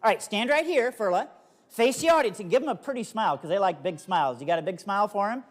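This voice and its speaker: High-pitched and quick, with lively intonation, this magician works a live kids' comedy magic show. His stage patter shifts between gentle, simple coaxing of young volunteers and playful showmanship aimed at the audience.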